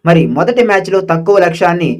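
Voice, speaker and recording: A man reading a scripted match recap as a sports highlights narrator. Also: rapid-fire.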